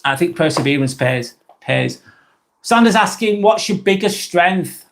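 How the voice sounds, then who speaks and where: A man with a high, creaky, fairly bright voice hosts a casual live vlog in a Lancashire accent from northwest England. Speaking a little slowly with lively intonation, he rambles bluntly, swears casually and keeps restarting sentences.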